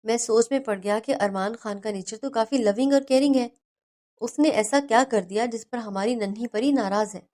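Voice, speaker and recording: A man's voice: sits high, a little mellow, natural voice. A woman voicing a caring older brother who talks fondly and teasingly to his younger sister on the phone in a storybook reading. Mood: affectionate.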